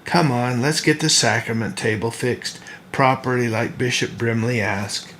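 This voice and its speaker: A dutiful young churchgoer who answers teasing with dry sarcasm, as a man reads him out. The voice stays near a plain middle pitch, with faint hiss behind the storybook reading. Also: fairly even intonation, measured pace, a bit bright, natural voice. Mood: wry.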